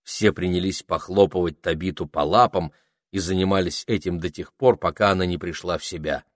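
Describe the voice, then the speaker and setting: Low-voiced male audiobook narrator, lively, dry close sound. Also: fairly quick, no room sound. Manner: lively storytelling. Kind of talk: scripted narration.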